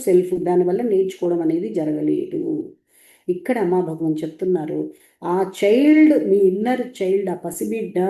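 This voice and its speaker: Woman, spiritual teacher, very dark mellow tone, emphatic and repetitive, echoey room. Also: fairly low pitch. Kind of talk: spiritual teaching talk, translating into Telugu.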